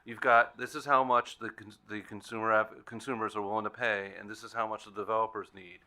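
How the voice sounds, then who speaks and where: A man's voice: on the low side, flat delivery, a little fast, sharp tone. A man, speaking as a consumer advocate on a panel in an earnest, plainspoken way. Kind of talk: panel discussion remarks.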